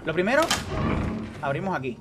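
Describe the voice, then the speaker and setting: A man doing live gameplay commentary, excitable, repeating phrases rapidly and talking straight to his chat. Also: fairly high pitch, heavy background noise. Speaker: gaming streamer.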